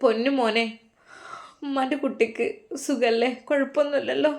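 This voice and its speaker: A woman speaking as an aging mother with a Malappuram Malayalam accent, her voice hushed, sorrowful and affectionate. The voice sits a little high for a woman. This is heard in a storybook telling. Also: steady tone, moderate pace, creaky. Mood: tender. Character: aging tender-hearted mother, often tearful.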